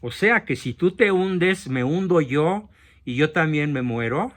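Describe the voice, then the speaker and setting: Fable role: man doing a honey-voiced scorpion, sly and coaxing, slow-spoken. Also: fairly high pitch, lively intonation, a bit bright. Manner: sweet, coaxing, seductive. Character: sly sweet-talking male scorpion.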